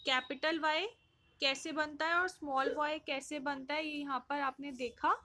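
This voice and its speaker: Slow patient high-voiced woman teacher. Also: steady tone, bright, forceful tone. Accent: Indian English. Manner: slow, patient, repeats questions and answers for young children. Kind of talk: online class lesson.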